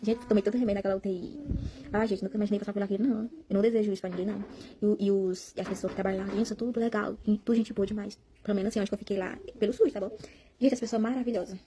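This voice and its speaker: A woman's voice: medium pitch, fairly even intonation, very fast, mellow, slight background noise. A young Brazilian woman telling a personal testimony to her viewers in a rambling, emotional way, repeating words and calling out to them. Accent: Brazilian Portuguese. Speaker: vlogger sharing a personal testimony.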